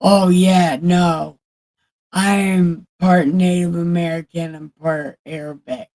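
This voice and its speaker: Slow, gravelly woman livestreamer. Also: on the low side, fairly even intonation, darkish tone. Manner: candid, profane, chatting with viewers. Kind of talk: casual livestream chat.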